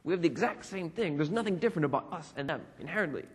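A young man preaches a casual, conversational sermon as a pastor, packing it with "you know" and "like." His voice is on the high side, slightly rough, expressive and rapid-fire. The recording carries the long reverb of a hall.

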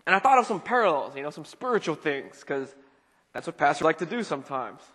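Casual young pastor in an echoing hall. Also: male voice, on the high side, very animated, fast, fairly bright tone, husky. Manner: chatty, frequent "you know" and "like" fillers. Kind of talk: casual conversational sermon. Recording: long reverb of a hall.

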